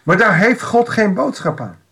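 A man's voice: sits high, very animated, normal speed, gravelly, a bit bright. A man giving an informal Bible devotional, reading a passage aloud and explaining it in a conversational way with wry asides.

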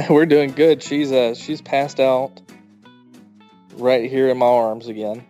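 A man's voice: medium pitch, fairly even intonation, takes it slowly, warm tone, dull audio, faint music behind. A man co-hosting a podcast, chatting casually and telling long anecdotes. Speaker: podcast co-host.

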